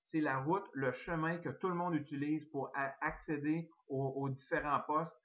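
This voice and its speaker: A man with a Québécois French accent giving an eager, excitable sales pitch on a recorded online call, full of fillers and restarts. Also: moderate pace, muffled recording. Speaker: network marketing presenter.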